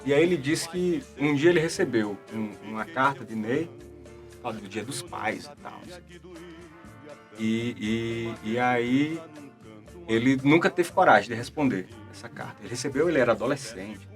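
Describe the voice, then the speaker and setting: A man's voice: medium pitch, animated, moderate pace, faint music behind. A middle-aged man telling a long story in casual chat, full of fillers and repeated words. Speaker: debate show guest.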